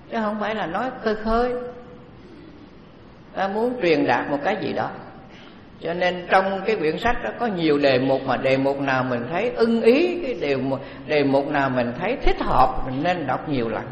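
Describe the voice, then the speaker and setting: A man giving a Buddhist dharma talk, unhurried and conversational, with many pauses. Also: on the high side, muffled recording, a little hiss or hum. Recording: echoey hall, faint background ambience.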